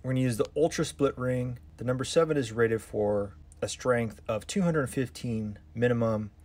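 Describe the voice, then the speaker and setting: A man's voice: medium pitch, normal speed, darkish tone. Man explaining fishing tackle. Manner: explanatory, hands-on, addresses viewers as guys. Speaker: fishing channel host. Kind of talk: casual tackle-prep vlog narration.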